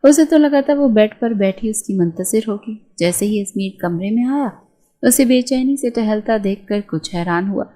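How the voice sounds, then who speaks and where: A woman narrating a romance novel in a steady storytelling manner. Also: medium pitch.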